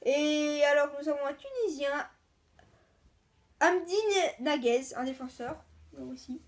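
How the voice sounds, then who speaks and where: Woman host with a high pitch, easygoing and a bit halting, talking viewers through an unboxing. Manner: halting, chatty, lists names one by one. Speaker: video host. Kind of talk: casual card-unboxing commentary.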